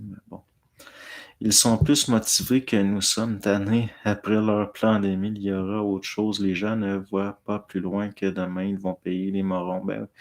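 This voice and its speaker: A man with a Quebec French accent, rambling casually as he answers viewers and tacks a drawled "là" onto his phrases. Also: fairly low pitch. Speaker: host.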